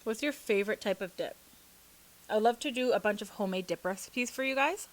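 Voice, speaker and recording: A woman's voice: on the high side, fairly quick, a little hiss or hum. A woman hosting an eating show, chatting informally to viewers between mouthfuls. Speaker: mukbang host. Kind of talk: casual chat to viewers while eating.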